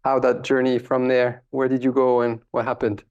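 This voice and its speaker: A man's voice: medium pitch, monotone, normal speed, a little mellow, dull audio. A man hosting a podcast interview with a former student, speaking hesitantly with many fillers. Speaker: podcast host, former teacher. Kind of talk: casual interview.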